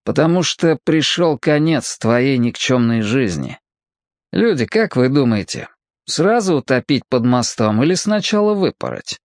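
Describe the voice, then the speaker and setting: A man voicing a tough, sarcastic teenage boy who threatens with gruff mockery in a storybook reading. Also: medium pitch, animated, a little slow, darkish tone, no echo, clean studio sound. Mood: mocking stern.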